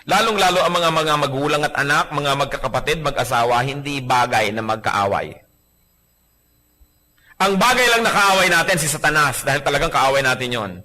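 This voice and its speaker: A man preaching a sermon whose voice rises and falls freely and stays bright and forceful. He tells humorous stories as a pastor, slips into the voices of the people he quotes, and mixes English phrases into the sermon. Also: on the high side, normal speed. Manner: animated storytelling, acting out quoted people in voices.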